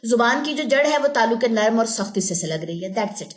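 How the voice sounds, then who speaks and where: Young woman tajweed teacher with a fairly high voice, patient and methodical, drills sounds slowly. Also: lively intonation. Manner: explains step by step, checks understanding with "theek hai ji"; drills syllables slowly and drawn out. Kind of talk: online lesson.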